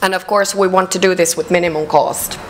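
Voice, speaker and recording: A woman with a Finnish accent giving a conference presentation, measured and hesitant, with frequent fillers. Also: fairly low pitch, fairly even intonation, background noise. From Finland. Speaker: conference speaker. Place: conference hall.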